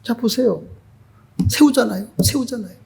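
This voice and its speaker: A pastor acting out a calm, earnest missionary who speaks gently and persuasively. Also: male voice, extremely high pitch, normal speed, vocal fry, voice pushed up, exaggerated voice.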